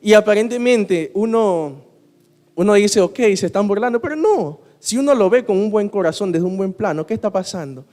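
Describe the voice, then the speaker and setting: A man's voice: sits high, animated, moderate pace, darkish tone. A man preaching in a conversational way with rhetorical questions and personal anecdotes, unable to pronounce his R sounds properly. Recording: long hall reverb.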